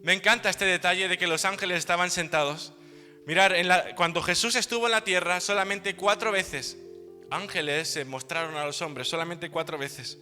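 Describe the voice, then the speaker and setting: A man preaching a sermon as pastor, telling the story in a lively way with playful humor. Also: high voice, normal speed. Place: church hall. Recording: hall reverb with soft music behind.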